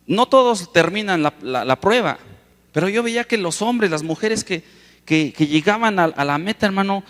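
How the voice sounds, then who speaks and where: A male preacher delivering an impassioned sermon in a large auditorium, his voice ringing with long reverb. He sits a little high for a man, draws key words out slowly and then surges louder, calling out to his listeners again and again. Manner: impassioned, keeps addressing the congregation as "hermano"; stretches key words slowly for emphasis, with sudden loud rises. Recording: reverberant hall sound.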